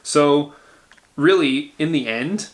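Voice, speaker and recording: A man's voice: on the high side, takes it slowly. A man lecturing a university engineering class, explaining step by step with frequent fillers and restarts.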